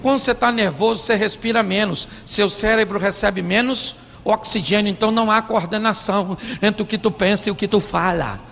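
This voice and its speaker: A man's voice: sits high, brisk, creaky, few pauses, a bit bright, a little hiss or hum. A man with a Brazilian Portuguese accent preaching a comic, stand-up style sermon to a live audience, acting out voices and quizzing the crowd. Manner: playful, acts out quoted voices; asks the audience sim ou não. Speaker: pastor. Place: church hall before an audience. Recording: live hall reverb, faint audience.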